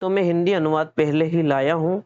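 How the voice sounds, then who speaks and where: A Hindi-accented male teacher delivers an exam-prep lesson, explaining questions step by step, asking and answering them himself, and often repeating and correcting what he says. His slightly high voice holds a steady tone and is a little mellow yet clean, moving a little fast. The audio is dull, with no room sound.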